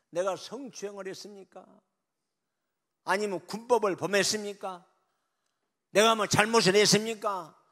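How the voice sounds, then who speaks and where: A man voicing a wronged army general who sobs and cries out to God in a loud, desperate prayer. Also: high voice, big-room sound, pitched above the performer's own voice. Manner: wailing, crying, shouting upward in desperate pleading. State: sobbing.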